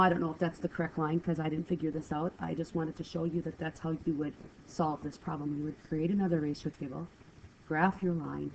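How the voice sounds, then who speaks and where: This woman's voice sits low, creaky and darkish as she teaches math over a screen recording. Her step-by-step explanation is patient and apologetic, her nose a bit stuffy from a cold, all captured in a dull lo-fi recording with faint hiss.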